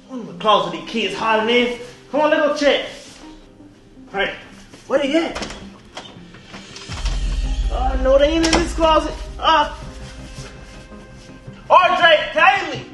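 A man playing a dad in a casual acted family skit, calling out loudly to his kids. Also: extremely high pitch, very animated, slow, pauses often. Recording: echoey room with music behind.

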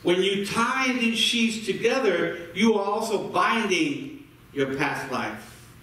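A man preaching with a high voice that rings through a very echoey sanctuary, picked up from well back in the room. He stacks repeated words as he builds each point and keeps calling on the congregation to respond. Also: animated, takes it slowly, bright, forceful tone, far from the mic. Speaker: pastor. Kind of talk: sermon with call-and-response. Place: church sanctuary.

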